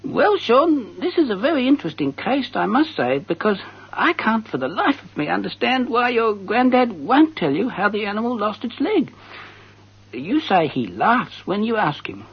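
An earnest man hosts a comic radio advice segment. His husky voice swings widely in pitch as he speculates darkly with mock seriousness. The sound is a little dull, like radio. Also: very animated, heavily acted. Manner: mock-serious, conversational, deliberate. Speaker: advice show host reading listeners' letters. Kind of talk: comic radio monologue, reading and answering letters. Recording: slightly dull radio recording.

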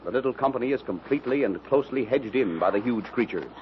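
A man's voice: medium pitch, animated, fast talker. A man giving formal, dramatic scripted narration in the style of a 1930s radio serial. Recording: dull, noisy old radio recording.

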